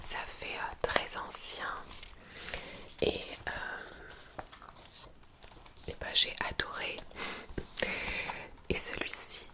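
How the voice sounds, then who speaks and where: A woman whispering softly and breathily, as in a library, in an informal, hesitant ASMR chat presenting books. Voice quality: soft, breathy unvoiced whisper.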